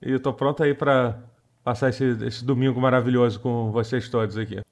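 A man's voice: mid-range voice, fairly even intonation, fairly quick. A man with a Brazilian Portuguese accent, a podcast co-host in laughing, incredulous banter. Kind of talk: casual podcast chat.

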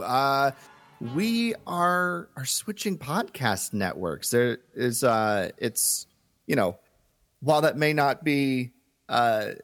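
A man's voice: medium pitch, dry recording, studio quality. A man hosting a fan podcast in a casual style. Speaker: podcast host.

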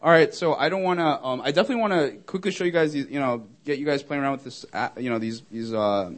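A man's voice: medium pitch, fast talker. A young man, a startup founder, answering audience questions in a casual, friendly way, with many fillers and easy laughs. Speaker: startup founder presenting to users. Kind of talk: casual Q&A presentation.

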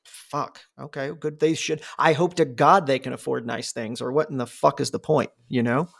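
A man in his forties with a gravelly, medium-pitched voice talks at normal speed with fairly even intonation. His casual talk rambles, full of fillers, restarts, and free swearing.

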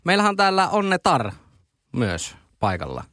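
A man's voice: sits high, huge pitch swings, bright, forceful tone, no room sound, studio quality. A man hosting a podcast, chatting casually, laughing often and announcing things playfully. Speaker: podcast host. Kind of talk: casual chat.

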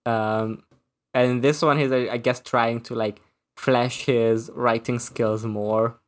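Halting man reviewing a movie. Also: mid-range voice, fairly even intonation. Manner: halting, full of fillers and restarts. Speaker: podcast co-host. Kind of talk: casual movie review chat.

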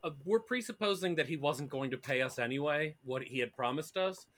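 A man's voice: fairly high pitch, expressive, fairly quick, fairly bright tone. A man playing a tabletop game, chatting casually and explaining his moves. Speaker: player.

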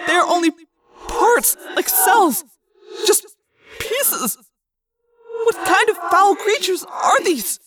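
A woman's voice: very high voice, big pitch swings, background noise, pitched above the performer's own voice, full character voice. A woman doing a shaken, formal alien youth. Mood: horrified. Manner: slow, strained, formal. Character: terrified alien male cadet, formal and shaken.

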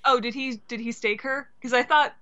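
Female podcast co-host, bright, higher voice, irreverent and giggly, slightly dull lo-fi audio. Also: steady tone, a little fast. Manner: laughing, loose and irreverent. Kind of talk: casual movie discussion.

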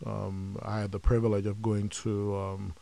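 Middle-aged man from Nigeria, low warm tone, reflective interview guest. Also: flat delivery, vocal fry. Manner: measured, frequent um fillers, reflective. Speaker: podcast guest, company founder. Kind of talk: conversational interview.

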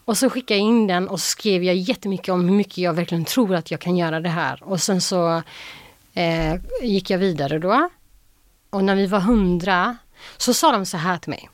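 A woman, an actress guest on a podcast, telling a story in a casual, lively way and acting out what people said. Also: on the low side, dry recording. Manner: lively, quotes people with "I was like" and acts them out.

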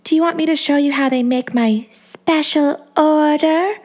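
A woman voicing a tiny, flamboyant older woman celebrity with a high, very breathy, half-whispered voice. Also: moderate pace, a little mellow, faint music behind, natural voice. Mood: coaxing.

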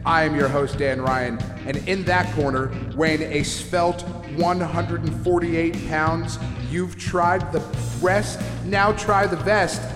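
A man's voice: steady tone, slow pace, echoey room, big-room sound, over music. A man hosting a podcast, announcing like a showy ringmaster introducing a fighter to the crowd. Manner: booming ringmaster-style announcing. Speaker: podcast host. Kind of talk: showman's ring introduction.

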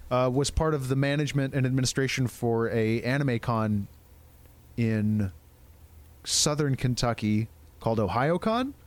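A man co-hosting a podcast in casual chat, excited and swearing freely, with quick asides. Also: medium pitch. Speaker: podcast co-host.

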